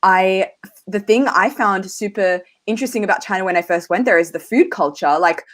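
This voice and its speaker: A woman's voice: medium pitch, a little fast. Chatty Australian woman. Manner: chatty, many "like" fillers. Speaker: host. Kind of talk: casual livestream chat.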